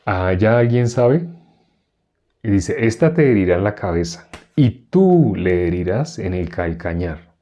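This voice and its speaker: A man's voice: on the low side, big pitch swings, warm tone. A man teaching an interactive Bible class. He repeats verses and keeps asking the group questions. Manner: repeats verses slowly, chuckling now and then.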